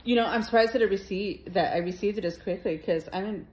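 A middle-aged woman from Minnesota unboxing craft mail, gushing and excitable with lots of gasps. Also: medium pitch, fast talker, rough recording. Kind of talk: casual unboxing vlog.

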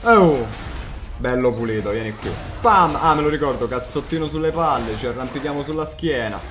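A man giving casual, excitable gameplay commentary, swearing and talking to his viewers. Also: mid-range voice, moderate pace. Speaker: video game player commentating. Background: game music.

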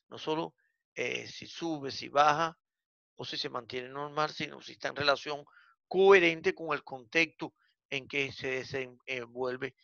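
A man giving a university psychiatry lecture, explaining step by step with frequent "eh" fillers and addressing the class as gentlemen. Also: fairly high pitch, gravelly, no echo, muffled recording.

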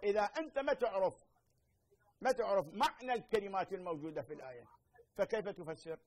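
A middle-aged man with an Iraqi Arabic accent teaching a televised lesson, explaining slowly, repeating points and checking that students understand. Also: high-pitched, rough recording. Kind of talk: televised lesson with phone-in questions.

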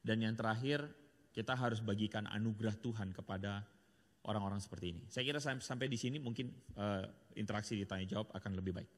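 A man's voice: fairly low pitch, quick pace. A man giving a church seminar talk, speaking earnestly and directly to the audience. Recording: long hall reverb.

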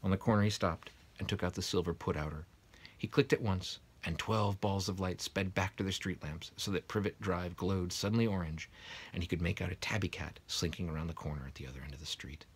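A man softly reading a bedtime story aloud in bed, his narration sometimes dropping to a whisper. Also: low voice, steady tone, brisk, husky. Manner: soft, quiet narration, drops to a whisper. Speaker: reader.

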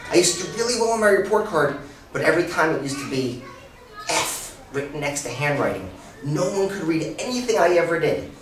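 A man telling a story about himself in a lively, self-deprecating way. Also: a little high, fairly quick, far from the mic, background noise. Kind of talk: personal testimony. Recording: echoey room, away from mic.

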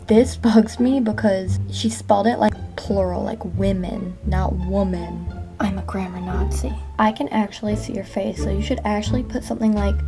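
A woman reading online comments aloud in a casual vlog, adding sarcastic, dry retorts. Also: mid-range voice. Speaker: video creator and host. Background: music.

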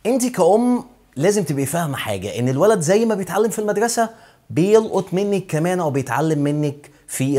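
A young man with an Egyptian Arabic accent giving a chatty English lesson and repeating words slowly to show how they are pronounced. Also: fairly high pitch, darkish tone. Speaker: English teacher. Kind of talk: casual explanatory lesson.

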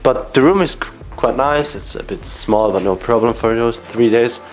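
A young man with a medium-pitched voice talks casually at a moderate pace in a travel vlog, unsure how to pronounce the local place names. He records from inside a car and a small guest room.

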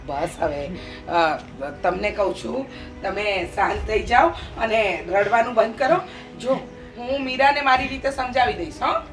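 A woman's voice: on the high side, unhurried, faint music behind, natural voice. A woman playing a bitter grumbling older mother-in-law. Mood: placating. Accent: Gujarati. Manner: scolding, grumbling. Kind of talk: Gujarati short drama acting.

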